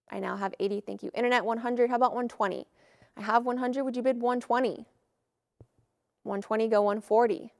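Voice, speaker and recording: A woman auctioneer calling bids in a live auction with brisk, formulaic patter. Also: on the high side, dry recording, clean studio sound.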